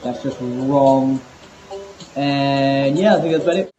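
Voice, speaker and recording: A man's voice: mid-range voice, slow pace, over music. Joking Australian teenage boy. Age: teens. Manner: joking and laid-back. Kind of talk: casual self-introduction to camera. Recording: dull lo-fi sound with background noise.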